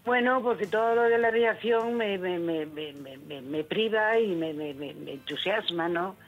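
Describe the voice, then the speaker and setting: A woman's voice: on the low side, expressive, normal speed, phone-quality sound, faint music behind. A woman in her eighties, a guest on a radio interview, speaking in a matter-of-fact way and stumbling over repeated words. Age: 80s.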